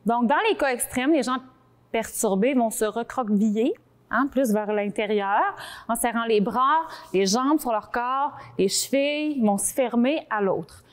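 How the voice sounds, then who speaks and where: A woman with a Québécois French accent explaining things conversationally to her co-hosts, animated and informal, often cutting herself off. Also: on the high side, unhurried. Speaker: talk show columnist.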